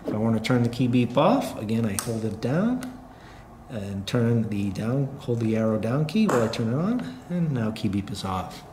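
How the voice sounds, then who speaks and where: At a tabletop in an indoor room, a middle-aged company representative demonstrates a product step by step, very animated at medium pitch and moderate pace. The talk is informal, plain-spoken and unscripted, and the audio has a roomy echo with faint background noise.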